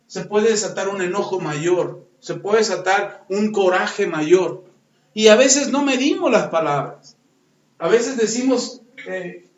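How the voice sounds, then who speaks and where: A man preaching a sermon as pastor, acting out bits of dialogue in lively voices. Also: high-pitched. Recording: roomy, distant, dull sound with faint noise.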